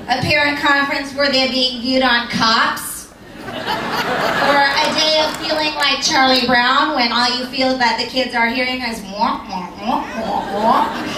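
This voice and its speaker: A woman's voice: high voice, sharp tone, echoey room, far from the mic, a little hiss or hum, low-quality recording. A woman giving an inspirational banquet speech, telling a story and asking the audience rhetorical questions. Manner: storytelling, reads verse aloud with rhythm. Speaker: banquet speaker. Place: banquet hall.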